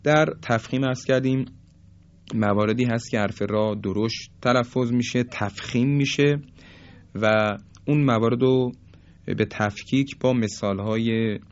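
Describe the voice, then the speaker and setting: A man teaching tajweed in a recorded lesson, patiently explaining and slowly demonstrating pronunciations. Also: medium pitch, fairly even intonation, dull audio. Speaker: Quran recitation teacher.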